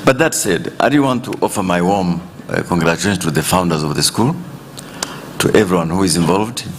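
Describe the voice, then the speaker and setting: A man in his sixties who grew up in Tanzania gives panel remarks in a very deep voice. He speaks in a measured way and chuckles between points. Faint ambient noise sits behind him. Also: lively intonation. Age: 60s. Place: conference hall.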